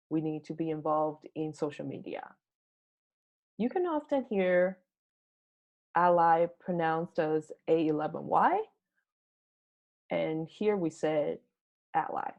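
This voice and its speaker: Measured woman speaker on a dull recording. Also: lowish voice, a little mellow. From Taiwan. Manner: measured, explanatory delivery. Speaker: conference speaker. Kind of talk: prepared tech talk. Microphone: home recording for online talk.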